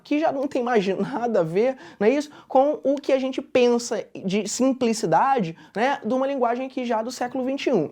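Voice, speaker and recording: A woman's voice: a little high, mellow. A woman teacher from Brazil giving a recorded literature lesson, explaining step by step and checking in with short tag questions. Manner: recites verse slowly with marked stress. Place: school classroom studio at a board.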